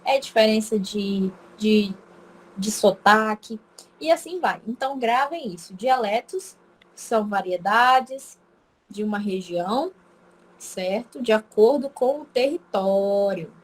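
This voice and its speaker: A woman's voice: mid-range voice, lively intonation, slow pace. A woman teacher with an Acre Brazilian accent, giving a remote class lecture in a chatty way and constantly checking in with her students. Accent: Acre Brazilian Portuguese.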